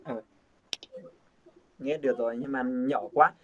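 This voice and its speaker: A man's voice: mid-range voice, steady tone, unhurried. A man teaching English pronunciation to a group, coaxing and repeating sounds over and over. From Vietnam. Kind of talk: casual group lesson. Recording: dull lo-fi sound.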